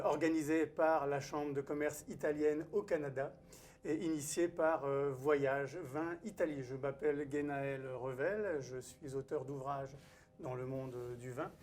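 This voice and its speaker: In a cooking school studio kitchen, a man who is an event host and wine author welcomes viewers to a live-streamed cooking event and introduces the guest chef in formal emcee style. His fairly high voice is steady, unhurried and a little mellow. Slight background noise is audible.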